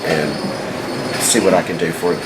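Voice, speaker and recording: A man's voice: low-pitched, fairly even intonation, takes it slowly. A middle-aged man speaking casually in an interview as a drag queen, with sassy, campy banter and dry teasing. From southern United States. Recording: very noisy room, loud background noise.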